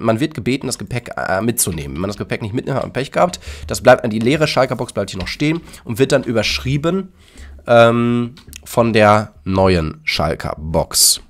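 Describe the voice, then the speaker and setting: A man casually commenting on his Minecraft build and explaining it to his viewers. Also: fairly low pitch. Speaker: YouTuber demonstrating a Minecraft build.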